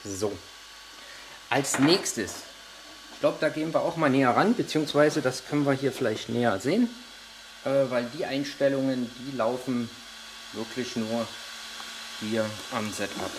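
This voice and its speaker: A man's voice: mid-range voice, measured pace, long pauses, noisy background. A man giving a hands-on tutorial on a model truck, explaining each step while he handles the parts, with frequent hesitations. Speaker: RC model reviewer.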